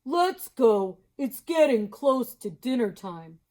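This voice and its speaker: A jolly, polite moose gentleman, as a woman puts him on. He sweet-talks in a raised, lilting voice and stretches out his words at an unhurried pace for a storybook. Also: a little high, sing-song, voice pushed up. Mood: coaxing. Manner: sweetly coaxing, drawn-out delivery.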